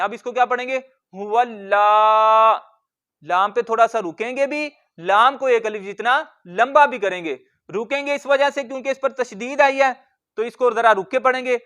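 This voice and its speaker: A man teaching Quran reading in a word-by-word tajweed lesson, patiently explaining rules and slowly sounding out letters and words. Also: extremely high pitch, fairly bright tone, smooth.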